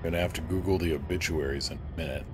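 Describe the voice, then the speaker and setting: A man's voice: a bass voice, steady tone, fast talker, noisy background. A man chatting casually with viewers on a live game stream, joking and playful as he answers them by name. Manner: joking, playful, reads viewer names aloud.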